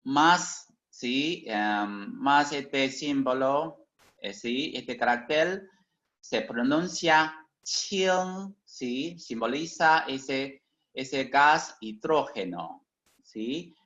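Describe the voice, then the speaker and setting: Very slow halting male lecturer, dull sound. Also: medium pitch, lively intonation, fairly bright tone. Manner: constant tag questions, halting and self-correcting. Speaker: teacher. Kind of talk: online lecture. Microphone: video call.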